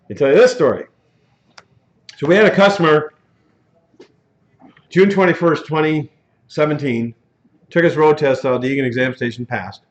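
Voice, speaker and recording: A man's voice: a little high, normal speed, long pauses. Chatty male truck driving instructor. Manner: conversational, tells cautionary stories, acts out dialogues. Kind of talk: classroom lecture. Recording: dull lo-fi classroom recording.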